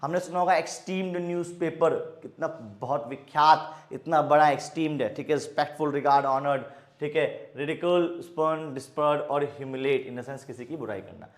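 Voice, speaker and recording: A man teaching a lively online vocabulary lesson, mixing Hindi and English, with playful jokey asides and a steady "okay" between words. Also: on the high side, moderate pace, echoey room. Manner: lively, mixes Hindi and English, repeats "ठीक है" often.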